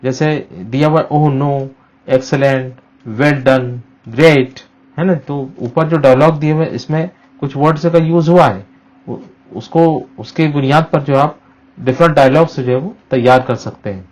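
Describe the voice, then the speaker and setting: A man's voice: fairly high pitch, normal speed, darkish tone, poor audio. Male teacher explaining patiently. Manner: explanatory, mixes English into Hindi-Urdu, frequent "uh" fillers. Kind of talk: classroom lesson explanation.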